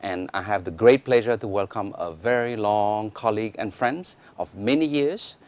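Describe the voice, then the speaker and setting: A middle-aged man hosting a TV interview, formal yet friendly, pausing often with "uh". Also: lowish voice, darkish tone. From Cambodia. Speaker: talk show host.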